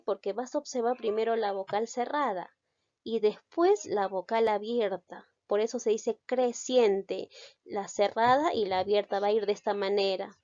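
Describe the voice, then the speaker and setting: A woman's voice: a little high, a little mellow, no echo. Woman teacher, patient step-by-step explainer, close dry sound, a little muffled. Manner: explains step by step and keeps asking "¿ya?" to check understanding. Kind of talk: recorded grammar lesson. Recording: slightly dull, dry sound.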